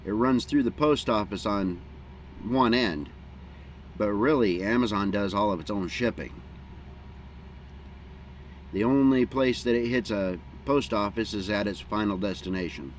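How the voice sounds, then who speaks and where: Folksy American pipe-smoking man, noisy outdoor recording. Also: fairly low pitch. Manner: unhurried, folksy, plain-spoken; talking with a pipe in his mouth between puffs. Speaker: vlogger. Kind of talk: casual rambling outdoor chat. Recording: clear background noise, outdoor hum.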